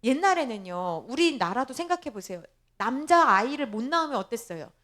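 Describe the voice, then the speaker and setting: High, lively woman preaching a sermon. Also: brisk. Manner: preaching with many rhetorical questions to the congregation; emphatic and repetitive. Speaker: pastor.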